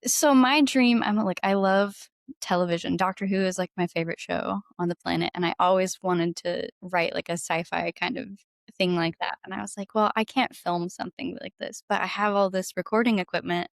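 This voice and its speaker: A woman, a singer-songwriter appearing as a podcast guest, chats casually with enthusiasm and informality. She has a lowish, creaky voice, fairly even intonation and a moderate pace. The recording is studio quality, without room sound.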